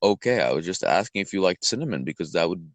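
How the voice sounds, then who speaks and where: A young man with a low voice co-hosts a casual podcast, teasing his friend with dry jabs. The mic is close and dry, with no room sound at all. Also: animated, fast, dry recording. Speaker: podcast co-host. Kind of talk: casual chat.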